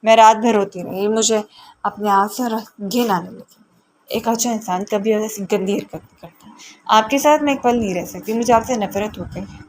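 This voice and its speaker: A woman's voice: medium pitch, slight background noise, lightly acted. A woman reading the part of a frightened young wife who pleads and accuses through tears. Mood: accusing.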